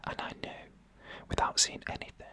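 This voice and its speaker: The narrator and host of a scary story show reads frightening tales in a hushed ASMR whisper, phrasing slowly and deliberately with pauses.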